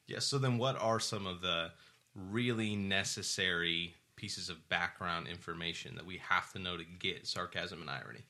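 A man's voice: sits low, normal speed, bright, forceful tone. A man interviewing a guest, asking conversational questions and prompting him to explain.

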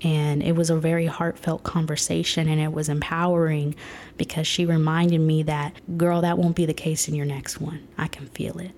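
A woman's voice: sits low, level tone, moderate pace, darkish tone, slight background noise. A woman, talking earnestly and from the heart, often dropping to a whisper. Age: 30s. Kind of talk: personal reflective talk.

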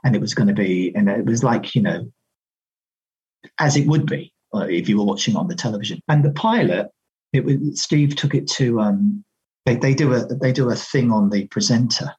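A man's voice: medium pitch, moderate pace, a little mellow, slightly rough, highs cut off. A middle-aged man, a radio presenter reminiscing conversationally in an interview. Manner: conversational anecdotes, quoting others' remarks.

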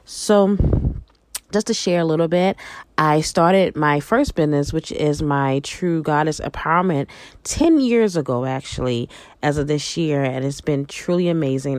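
A woman's voice: deep voice, no echo. A woman from Baltimore, Maryland, a guest on a podcast interview, talking about her businesses in an upbeat, emphatic way. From Baltimore, Maryland, USA. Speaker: guest, shoe stylist and business founder.

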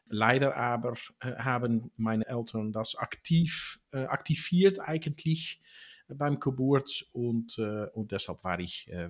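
Interview guest, man in his sixties, Dutch accent, halting and searching for words. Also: mid-range voice. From Netherlands. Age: 60s. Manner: halting, many fillers and restarts. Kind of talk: interview answers.

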